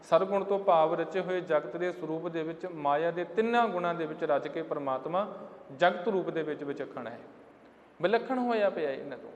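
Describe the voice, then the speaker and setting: High-voiced man preaching in a reverberant hall. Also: highs cut off. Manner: slowly sings quoted scripture lines; addresses listeners as dear ones of the Guru. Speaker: Sikh preacher giving katha. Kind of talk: sermon explaining scripture lines.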